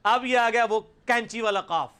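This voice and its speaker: Middle-aged male teacher, high voice, Punjabi-accented Urdu, drills sounds loudly and calls on students by name. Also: clear, resonant tone. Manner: demonstrates sounds by repeating them loudly and slowly, then calls on students by name. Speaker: Quran recitation teacher. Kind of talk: live class teaching Arabic pronunciation.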